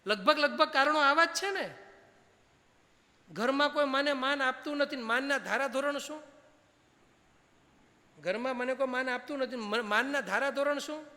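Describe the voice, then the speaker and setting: A man's voice: extremely high pitch, moderate pace, long pauses, sharp tone. A man giving a religious discourse as a spiritual teacher, teasing his listeners with rhetorical questions and dropping English phrases into his talk. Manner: asks the audience many rhetorical questions; playful, teasing. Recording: hall reverb.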